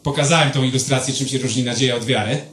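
A pastor giving a sermon, telling personal stories in a lively, conversational way and speaking straight to his listeners. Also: mid-range voice, quick pace.

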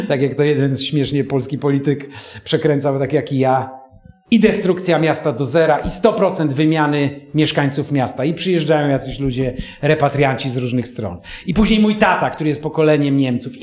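A man in his fifties from Poland preaches a sermon and tells a personal story in an earnest, emotional way. He often turns to speak straight to his listeners. His voice sits a little high for a man and rings in a roomy, echoey space. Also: moderate pace, darkish tone.

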